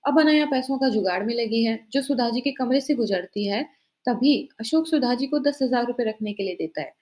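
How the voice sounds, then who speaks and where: A woman telling a family drama story in plain, even scripted narration. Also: a little high, moderate pace.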